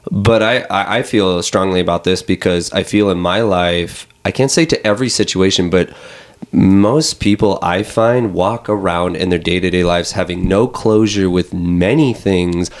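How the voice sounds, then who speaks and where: A man's voice: sits low, normal speed. A man hosting a podcast, talking loosely and openly with plenty of fillers. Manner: opens in a mock radio-announcer voice, then talks loosely with many fillers. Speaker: podcast host. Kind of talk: casual podcast chat.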